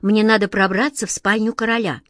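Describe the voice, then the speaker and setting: A woman's voice: mid-range voice, flat delivery, brisk, fairly bright tone, no room sound, clean studio sound, close to an everyday voice. A woman voicing a brave but anxious little girl in a storybook, speaking in nervous whispers. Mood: secretive.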